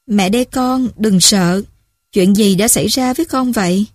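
A woman voicing a worried middle-aged mother, speaking softly and soothingly. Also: mid-range voice, normal speed, dry recording, clean studio sound, close to an everyday voice. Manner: soft, soothing.

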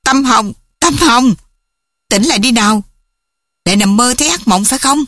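A woman voicing a gentle middle-aged mother who speaks softly and soothingly to her daughter. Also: mid-range voice, animated, a little slow, dry recording, clean studio sound. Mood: worried. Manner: soft, soothing.

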